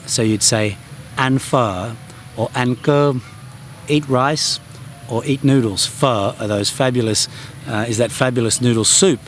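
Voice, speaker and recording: With a lowish voice and a bit of hiss or hum on the recording, a man gives a chatty, self-deprecating travel language lesson straight to camera, stumbling through ums and restarts.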